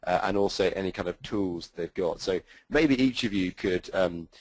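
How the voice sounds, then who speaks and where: A man's voice: sits low, normal speed, a little mellow, no room sound, low-quality recording. A man with a British accent moderating a webinar panel, talking with many hesitations and fillers.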